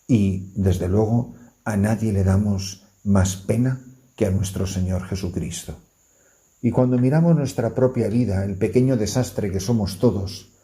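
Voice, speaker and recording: Earnest priest with a dark low voice. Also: male voice. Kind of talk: sermon.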